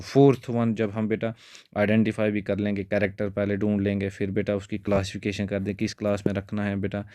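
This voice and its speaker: A male biology teacher explains exam points in a steady lecture, calling his students "beta" and mixing in English terms. His voice sits fairly low and barely rises or falls. The sound is dry and close, with no room echo. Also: clear, resonant tone.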